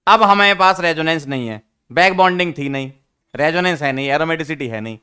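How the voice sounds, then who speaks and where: A man teaching an online chemistry lesson, teasing his students and repeating key rules slowly for emphasis. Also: a little high, bright, forceful tone, clear, resonant tone. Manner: teasing, addresses students as beta.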